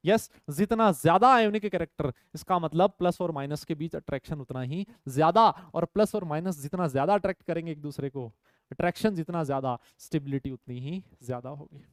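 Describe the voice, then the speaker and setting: A man's voice: on the high side, a little fast, dry recording, studio quality. A man teaching a chemistry lecture, emphatic, repeating key points and checking in with his students. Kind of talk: online lecture.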